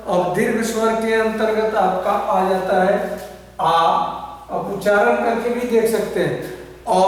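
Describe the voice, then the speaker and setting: Slow, high-voiced teacher in an echoey room. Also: male voice. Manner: slow, repetitive explaining with many fillers. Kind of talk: classroom grammar lesson. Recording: echoey room, far from the mic.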